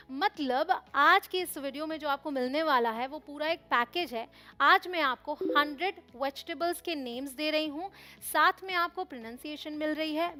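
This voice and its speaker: A young woman teaching English vocabulary to camera, asking quiz questions and repeating each word slowly. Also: high voice, bright, forceful tone. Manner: slow repeated pronunciation drills with quiz questions.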